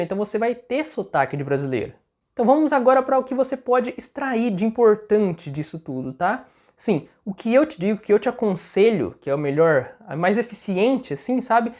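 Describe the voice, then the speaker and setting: A woman's voice: on the high side, darkish tone. Chatty Brazilian woman teaching English. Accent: Brazilian Portuguese. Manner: chatty, keeps checking in with the listener. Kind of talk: casual explanatory video lesson.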